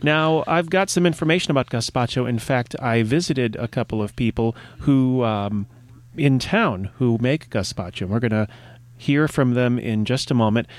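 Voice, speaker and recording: A man's voice: mid-range voice, normal speed. A man hosting a radio show, chatting casually in a playful, meandering way. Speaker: radio host.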